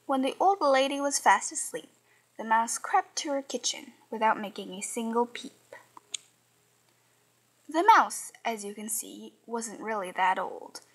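A woman reading a children's picture book aloud in an expressive, sing-song way. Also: a little high, unhurried, husky, rough recording.

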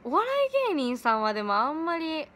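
A teenage girl with a chatting casually on a livestream from home, giggly and quick to laugh. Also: high-pitched, animated, a bit bright, a little hiss or hum. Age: late teens. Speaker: idol livestreaming to fans. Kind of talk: casual livestream chat reading comments. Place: at home in pajamas.

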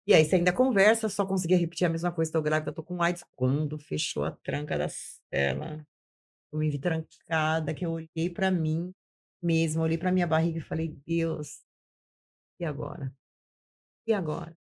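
A woman's voice: low-pitched, steady tone, brisk, gravelly. A woman giving an intense personal testimony as an interview guest, repeating phrases and acting out what she once said. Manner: intense, repeats phrases, acts out her own past words.

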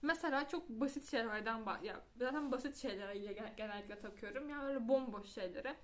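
A woman's voice: a little high, fast. A young woman talking casually to camera in a vlog, chatty and self-mocking, often restarting her words. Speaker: vlogger. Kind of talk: casual confessional chat to camera.

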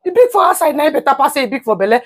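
A high, fast-talking young wife with a Nigerian Pidgin accent, heavily pregnant and stubbornly dramatic, played by a woman. She pleads and whines theatrically in a comedy skit. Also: big pitch swings. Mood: whiny. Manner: pleading, whiny, theatrical fake crying.

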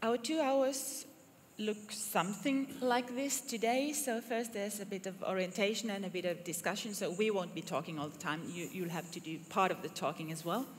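A Finnish woman presenting a conference workshop in English speaks with a Finnish accent, a medium pitch, fairly even intonation, and a moderate pace. She's friendly but hesitant, with fillers and restarts, in a conference room with an audience, recorded in a reverberant hall with faint noise.

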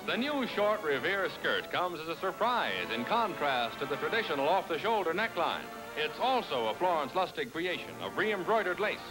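A man narrating an old 1940s newsreel in a brisk, chipper announcer manner, speaking over loud music. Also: fairly high pitch, very animated, poor audio.

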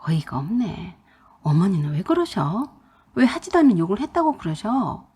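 A woman's voice: mid-range voice, sing-song, normal speed, mellow, slightly rough, exaggerated voice. A woman voicing an angry young husband who fires off heated, accusing questions.

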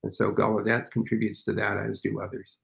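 Speaking quickly in a completely flat delivery, this older man has a lowish, creaky, slightly bright voice. He's an interview guest on a webcam video call from a home office hung with framed pictures, explaining thoughtfully and using many fillers.

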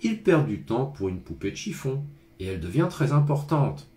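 A man's voice: medium pitch, very animated, moderate pace, a little mellow, close to an everyday voice. Guy reading as a wondering little prince boy, asks lots of questions, voice jumps around. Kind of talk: storybook reading aloud.

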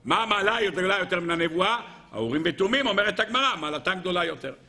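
A high-voiced man, a rabbi, delivers an animated Torah lecture, posing rhetorical questions and addressing his listeners directly.

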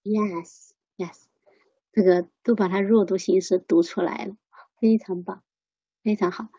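A woman teaching English pronunciation in a slow, patient way, repeating examples. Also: medium pitch, fairly even intonation, breathy edge, no room sound, highs cut off. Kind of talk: online pronunciation lesson.

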